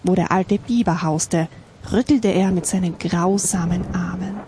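A woman reading a children's story aloud at a slow, expressive pace. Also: fairly low pitch, noisy background.

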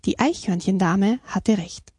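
A woman reading a children's story aloud at a slow, expressive pace. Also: medium pitch, slightly rough, dry recording, studio quality.

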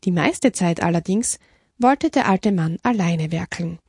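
A woman reads a storybook aloud, expressively. Her voice is slightly husky and lively in pitch. It sounds close and dry. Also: measured pace, no room sound. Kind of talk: storybook reading for children.

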